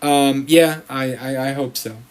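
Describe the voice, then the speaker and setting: A man's voice: medium pitch, steady tone, measured pace, clear, resonant tone. A man hosting a casual livestream, rambling and chatty, greeting viewers by name in the middle of his sentences. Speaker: livestream host.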